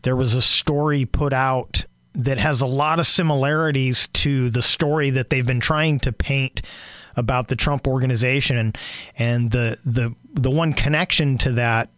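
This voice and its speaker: A man hosting a solo political commentary show, hoarse and clearing his throat, talking in a halting way full of fillers and restarts. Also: medium pitch, steady tone, a bit bright, no echo.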